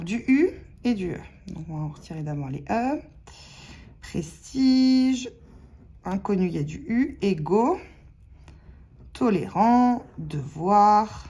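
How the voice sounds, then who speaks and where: A woman's voice: fairly high pitch, a little mellow. A woman with a French accent giving casual, chatty commentary as she scratches lottery tickets, talking to her viewers and spelling out letters one by one. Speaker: scratch-card vlogger.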